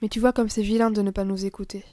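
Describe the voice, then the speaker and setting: A woman voicing a patient young girl speaking quietly and gently. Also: medium pitch, flat delivery, fast talker, dry recording, clean studio sound, lightly acted. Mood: gentle.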